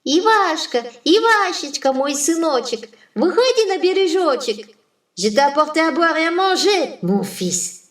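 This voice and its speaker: A woman's voice: lowish voice, big pitch swings, takes it slowly, exaggerated voice. A storyteller voicing Baba Yaga, a greedy old witch ogress who sing-songs sweet calls and barks orders, heard from a distance in a roomy space. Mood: wheedling. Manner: wheedling sing-song calls, then barking orders.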